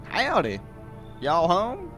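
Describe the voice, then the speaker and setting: A man's voice: high-pitched, wildly swooping pitch, very slow, over music, pitched above the performer's own voice, full character voice. A man voicing a folksy older Southern woman drifter in a put-on Southern accent, rambling and stumbling over his words.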